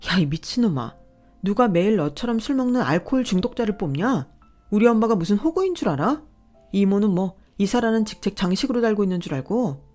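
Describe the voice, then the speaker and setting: A woman voicing a furious young pregnant wife who scolds and shouts at her husband. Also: mid-range voice, expressive, moderate pace, faint music behind, close to an everyday voice. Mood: scolding.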